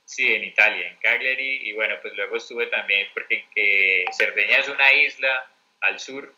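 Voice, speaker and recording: Bright, low-voiced Colombian man. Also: moderate pace, low-quality recording. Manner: rambling, many fillers and restarts. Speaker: interview guest, mentor teacher. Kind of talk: conversational interview storytelling.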